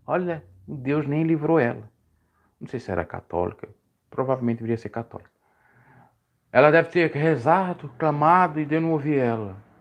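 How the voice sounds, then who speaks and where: Man, preacher, casual live-stream sermon, rambling, self-correcting, middle pitch. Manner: rambling, self-correcting, pitch swings high when emphatic.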